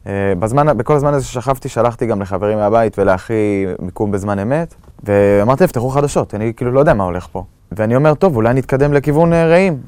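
A young man from Israel giving a halting personal testimony of surviving an attack, with many fillers and restarts. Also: medium pitch, a little mellow, clear, resonant tone, no room sound. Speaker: eyewitness recounting an attack.

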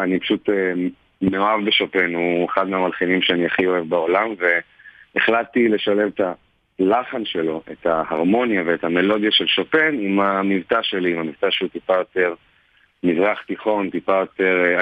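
Deep-voiced man in a dry radio studio. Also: no echo, phone-quality sound. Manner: thoughtful, searching for words with many fillers. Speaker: jazz musician guest. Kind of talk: radio interview.

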